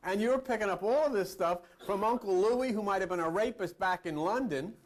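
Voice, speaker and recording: With a high voice and normal speed, a man preaches an esoteric sermon-like lecture in his role as a spiritual teacher, stressing points forcefully, echoing his own phrases and asking questions he doesn't expect answered.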